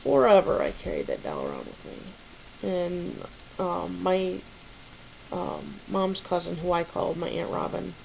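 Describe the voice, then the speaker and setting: Slow, gravelly young woman rambling. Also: lowish voice, sing-song, a little mellow, highs cut off. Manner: rambling, many fillers and restarts. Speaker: vlogger. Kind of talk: casual chat about baby names.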